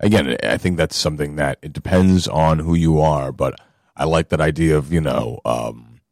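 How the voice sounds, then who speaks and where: A man's voice: extremely low pitch, moderate pace, a little mellow, dry recording, clean studio sound. A man in casual chat, musing aloud and trailing off mid-thought.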